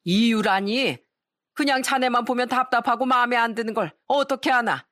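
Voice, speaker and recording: A woman voicing a harsh, bossy mother-in-law who barks orders and sneers. Her voice sits higher and a bit louder than plain talk. The sound is dry and close. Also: moderate pace, no echo, lightly acted. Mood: scolding contemptuous. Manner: scolding, contemptuous, commanding.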